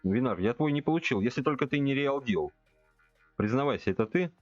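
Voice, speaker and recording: With a mid-range, expressive voice, a game streamer in his forties talks a little fast as he plays at his home computer, musing aloud and replying directly to his chat. The audio is dull with no echo, and faint music plays in the background.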